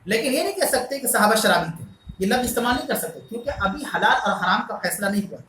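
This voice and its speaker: Bright-toned Quran teacher in a roomy hall. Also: mid-range voice, lively intonation, a little hiss or hum. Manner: recites Arabic verses slowly, then explains with questions to listeners. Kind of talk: Quran lesson, explaining verses.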